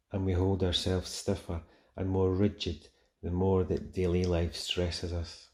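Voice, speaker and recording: A man guiding a relaxation meditation in a soft, soothing, gentle manner with long pauses. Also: deep voice. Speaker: meditation guide. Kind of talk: guided relaxation meditation, soothing scripted narration.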